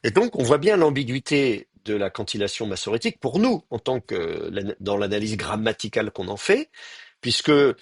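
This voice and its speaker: A man's voice: fairly low pitch, very animated, normal speed, breathy edge, no room sound. A man teaching a live grammar lecture, thinking aloud with many fillers and restarts and speaking straight to his students. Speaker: Hebrew teacher.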